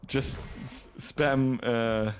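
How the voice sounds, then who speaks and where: A man's voice: medium pitch, fairly even intonation, drawn-out words, very noisy. A man casting an esports match live, chatty and joking, often restarting his sentences. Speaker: esports caster. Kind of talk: casual live esports commentary.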